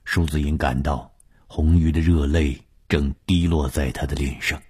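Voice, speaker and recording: A man's voice: extremely low pitch, fairly even intonation, moderate pace, a little mellow, husky. A man telling a long serialized story in a dramatic reading style, rising on tense moments.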